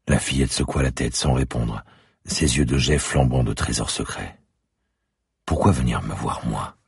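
Brief: male audiobook narrator, measured and intimate, low and gravelly. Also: no room sound, studio quality. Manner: measured, intimate first-person telling.

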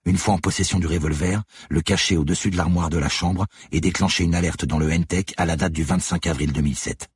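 A man's voice: sits low, fairly even intonation, fairly quick, few pauses, husky, no echo, clean studio sound. A man voicing a relentless woman police detective who lays out her accusations steadily and methodically in an audiobook. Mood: accusing, cold. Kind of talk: audiobook character voice.

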